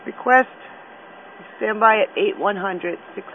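Tinny radio, high-voiced male fire dispatcher. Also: measured pace. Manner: clipped, procedural, repeats each call. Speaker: emergency dispatcher. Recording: tinny, static-laden two-way radio.

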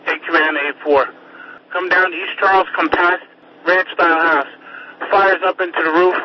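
A man's voice: sits high, steady tone, normal speed. A man giving urgent, clipped firefighter commands in terse two-way radio traffic. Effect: two-way radio transmission. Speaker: firefighter incident commander and units on scene. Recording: muffled fire radio, loud static and engine noise.

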